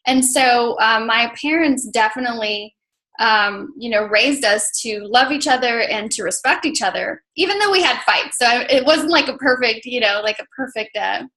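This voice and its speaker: The Mexican coach-mentor guest, whose first language is Spanish, keeps up her chatty interview talk full of "like" and "you know." In a rough recording, her fairly high voice is sharp in tone at a moderate pace.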